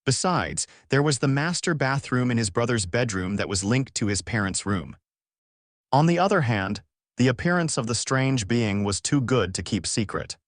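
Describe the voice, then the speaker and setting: Male author-narrator, mid-pitched, dry close sound, steady storybook read. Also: moderate pace, dry recording. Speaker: author reading his story.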